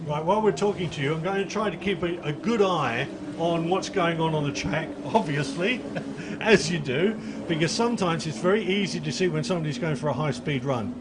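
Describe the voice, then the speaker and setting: A man's voice: a little high, fairly quick, background noise. A man doing live race commentary in a chatty, jokey way, describing boats he watches out the window.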